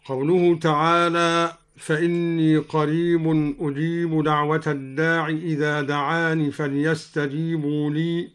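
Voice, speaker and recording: Slow, smooth-voiced man teaching Quranic readings. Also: on the high side, little pitch movement, fairly bright tone. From Egypt. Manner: measured, chanting quoted verses slowly. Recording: broadcast radio recording.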